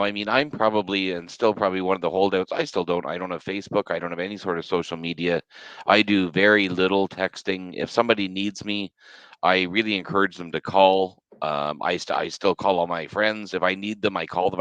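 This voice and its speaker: A laid-back man in his late thirties talks in casual podcast chat. He is agreeable and swears now and then. His voice is very low-pitched and recorded close and dry. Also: a bit bright, dry recording, dull audio. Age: 30s. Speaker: podcast co-host.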